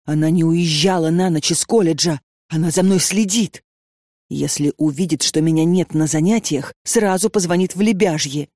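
A woman's voice: low voice, moderate pace, warm tone, no echo, clean studio sound. A woman reading an audiobook and voicing a distraught young woman who pleads frantically and breathlessly. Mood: pleading.

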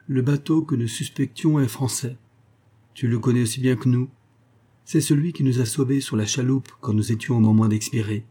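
A man's voice: mid-range voice, mellow, husky, close to an everyday voice. A man reading aloud and voicing a young privateer lieutenant, bold and tender, with an earnest, resolute delivery.

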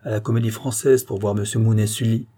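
A man's voice: fairly low pitch, steady tone, fast, warm tone, slightly rough. A man voicing a staid, prim male gardener in an audiobook.

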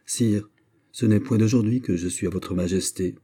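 A man voicing a gracious, modest young nobleman soldier in an audiobook, speaking softly, earnestly and courteously. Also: on the low side, moderate pace, slightly rough. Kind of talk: audiobook character voice.

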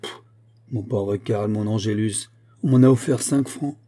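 A man reads as a humble young painter who sighs and murmurs, soft-spoken and subdued. The voice is very dark and husky. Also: lowish voice, measured pace. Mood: sheepish. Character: poor, meek young male painter, gentle and sighing.

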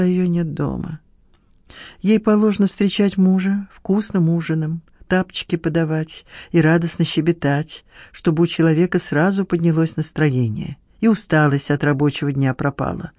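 Mellow, dry audiobook narrator. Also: medium pitch, normal speed, no room sound.

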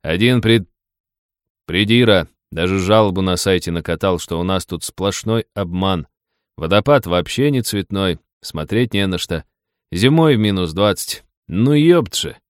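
A man voicing a gruff, weary adult male forest ranger who talks in a stern, grumbling, matter-of-fact way. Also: sits low, animated, measured pace, no echo, studio quality.

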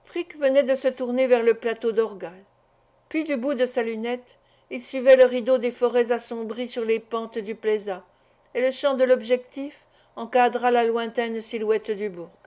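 A woman's voice: fairly high pitch, steady tone, normal speed, dark tone. Woman narrating a classic novel. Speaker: audiobook narrator. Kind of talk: scripted literary narration.

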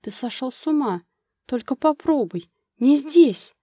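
A flustered young heroine from a romance audiobook, breathless and pleading as she struggles to resist, voiced by a woman narrator. The voice has a mellow, darkish tone and is recorded dry and close. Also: medium pitch, slow pace, dry recording. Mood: flustered alarm.

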